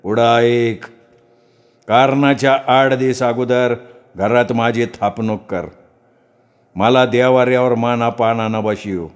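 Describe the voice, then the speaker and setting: A man voicing a village goddess who speaks through a possessed old priest, slow, drawn-out and commanding. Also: mid-range voice, steady tone, clear, resonant tone, in a large hall, close to an everyday voice. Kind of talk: dramatic storytelling.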